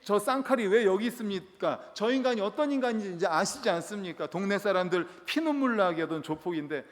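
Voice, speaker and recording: A woman's voice: medium pitch, lively intonation, brisk, lightly acted. A male preacher voicing a narrow-minded church deaconess who complains indignantly. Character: narrow-minded, judgmental church deaconess, middle-aged woman. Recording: long church hall reverb.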